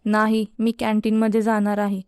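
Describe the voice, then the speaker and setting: A woman's voice: medium pitch, monotone, moderate pace, a little mellow, clear, resonant tone, no echo, studio quality, close to an everyday voice. A woman voicing an easygoing, supportive young male college student.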